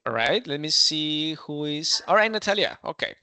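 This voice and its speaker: Man, teacher, very bright voice, dry close sound, bilingual classroom talk, Latin American accent. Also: fairly high pitch, expressive, unhurried, smooth, no echo. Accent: Latin American Spanish. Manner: switches between languages, asks the group for answers, many fillers. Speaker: English workshop teacher.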